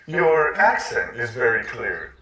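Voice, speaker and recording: A friendly young flatmate in a recorded language-lesson scene. His speech moves up and down with lively intonation and a bright tone. The voice sounds off-mic in an echoey room. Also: mid-range voice, slow pace, distant mic, heavily acted. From United States. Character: young American man moving into a shared flat. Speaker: new flatmate in a lesson dialogue. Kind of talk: scripted language-lesson dialogue.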